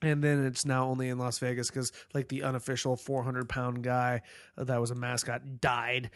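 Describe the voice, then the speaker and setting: A man from Arizona co-hosting a casual podcast, tossing in quick wisecracks and jokes. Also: medium pitch, monotone, no echo, studio quality. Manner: wisecracking, quick joking interjections. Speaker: podcast co-host. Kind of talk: casual joking chat.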